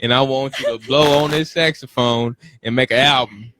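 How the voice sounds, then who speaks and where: A man's voice: medium pitch, steady tone, normal speed, sharp tone. A man hosting an interview in a casual, encouraging, slangy way, often repeating short affirmations. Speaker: interviewer, show host.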